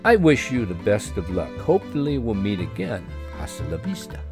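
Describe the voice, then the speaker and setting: A man's voice: lowish voice, sing-song, moderate pace, music in the background. A man doing an eager blind young fellow. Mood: warm. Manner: earnest, eager, polite. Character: friendly blind young male traveler, earnest.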